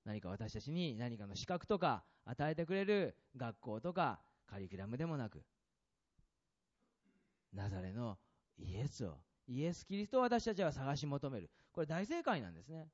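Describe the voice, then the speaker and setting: A man preaching a sermon as a pastor, asking the congregation questions and swinging between loud and soft passages. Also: medium pitch, very animated, moderate pace, highs cut off.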